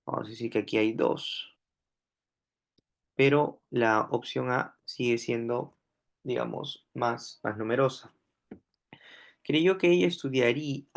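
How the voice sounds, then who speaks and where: A man with a Peruvian Spanish accent teaching a grammar lesson, slow and deliberate, repeating each example word aloud. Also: mid-range voice, gravelly. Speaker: language teacher.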